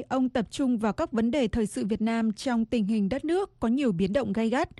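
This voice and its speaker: Dry, fairly high-voiced female announcer. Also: no echo. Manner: formal, even reading. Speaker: radio announcer. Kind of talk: scripted broadcast reading.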